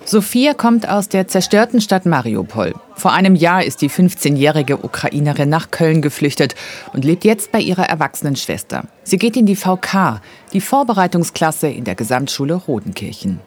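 A woman narrating a scripted news report calmly and clearly. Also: deep voice, moderate pace.

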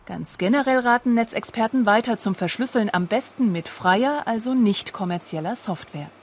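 A woman voices a television news report from a script. She reads evenly and crisply. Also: a little high, normal speed, a little hiss or hum.

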